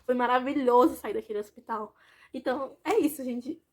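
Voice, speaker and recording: A young woman from Brazil tells a personal story to her viewers in a casual, chatty vlog. Her voice sits a little high and her words come quickly. She speaks directly to the people watching. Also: a little mellow. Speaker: vlogger.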